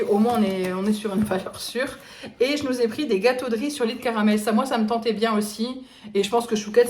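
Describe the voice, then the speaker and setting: A young woman talks casually through her shopping haul, chatty and rambling, with plenty of hesitations. Her voice sits at an ordinary middle pitch. The room around her is noticeably echoey. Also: darkish tone. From eastern France. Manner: chatty, rambling with many fillers. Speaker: vlogger. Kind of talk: casual grocery haul vlog.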